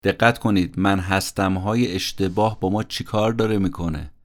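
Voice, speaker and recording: Earnest low-voiced man narrating a podcast. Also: fairly even intonation. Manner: earnest motivational, acts out quoted speech. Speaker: podcast host summarizing a self-help book. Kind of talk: conversational book-summary narration.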